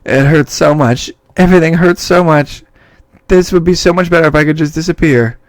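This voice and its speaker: Man reading a soft, high-voiced fragile teen girl, game dialogue, dry close recording. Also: brisk, no room sound, lightly acted. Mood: despairing. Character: cheerful but fragile teenage girl, gloomy inside.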